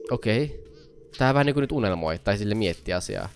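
A young man hosting his channel, giving excited reaction commentary to animations, gasping often and talking straight at the screen. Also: fairly low pitch, over music. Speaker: YouTuber host.

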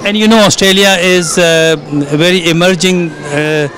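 A middle-aged man interviewing a guest at an expo, asking slow, halting questions with fillers into a handheld mic. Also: sits high, fairly even intonation, a bit bright. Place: busy expo hall, indoors. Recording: crowded expo floor noise. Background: crowd chatter.

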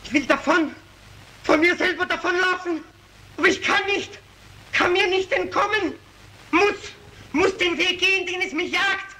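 Brief: a haunted killer pleading for his life; high, slow, breaking into screams, 1930s film sound. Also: sharp tone, heavily acted, rough recording. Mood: frantic. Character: tormented, hunted male child murderer. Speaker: accused murderer pleading before a mob. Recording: old film soundtrack with faint hiss.

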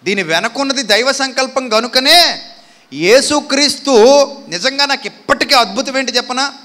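A man's voice: very high voice, expressive, normal speed, sharp tone. A man preaching a sermon from a stage into a handheld mic, firing rhetorical questions at the congregation and building to emphatic declarations. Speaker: pastor. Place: church stage.

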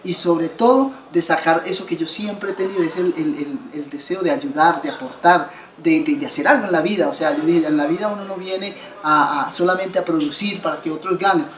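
Brisk with few pauses, her fairly low voice carries an earnest, conversational account full of restarts and repeated words, accompanied by gestures. She's an interview guest, a Colombian woman in her fifties who founded an association. The recording takes place indoors in a bright living room by a window, with roomy sound.

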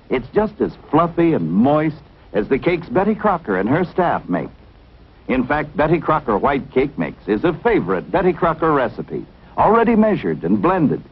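A man announcing a commercial in a cheery, persuasive sales pitch, heard as old 1950s TV broadcast audio. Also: breathy edge. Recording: dull lo-fi vintage TV soundtrack.

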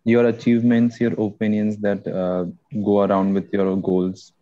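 Brief: low, dark-toned student, hesitant answer, muffled call audio. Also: male voice, completely flat delivery, moderate pace. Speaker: student participant. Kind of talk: answering a question in class.

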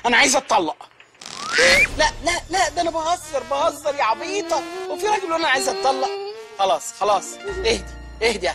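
An actor playing a joking, jobless husband in a film comedy, with an Egyptian Arabic accent and a playful, mock-apologetic way of talking. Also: male voice, very high voice, lively intonation, quick pace, loud music behind the voice.

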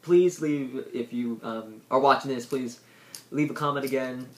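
Holding a tablet at arm's length in a small room, a man in his twenties hosts a homemade video and talks casually. His medium-pitched voice moves at a measured pace, while the tablet's microphone adds noise and the room gives it an echo.

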